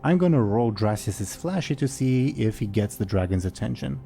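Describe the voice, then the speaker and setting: A man narrating a tabletop role-playing game as game master, in a casual, halting, improvised way. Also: fairly low pitch, expressive, creaky, warm tone, soft background music.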